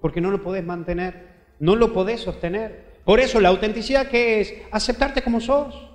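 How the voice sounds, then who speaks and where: A Paraguayan priest giving a homily reflection, speaking colloquially to the listener and acting out quoted dialogue. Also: male voice, high-pitched, normal speed. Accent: Paraguayan Spanish. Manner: animated, acts out quoted dialogue; colloquial, addresses listener directly. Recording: roomy hall reverb, faint music.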